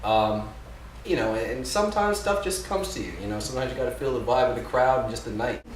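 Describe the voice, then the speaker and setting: A stand-up comedian from New Jersey, USA, talks casually in an interview, chatty and full of fillers and restarts. His mid-range voice moves fast, and the theater recording is echoey, distant and noisy.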